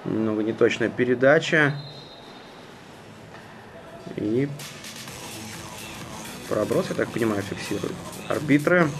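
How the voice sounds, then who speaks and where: A man giving live hockey play-by-play in a measured, conversational manner. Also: mid-range voice, expressive, music in the background. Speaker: hockey commentator. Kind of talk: live sports play-by-play commentary. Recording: noisy ice rink ambience. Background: arena noise.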